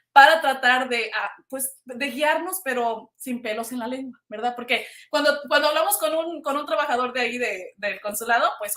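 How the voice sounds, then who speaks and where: A woman from Veracruz, Mexico hosts a casual livestream, chatting informally with viewers and switching between two languages. Her voice sits high and is fairly bright, and the livestream sound is roomy and echoing.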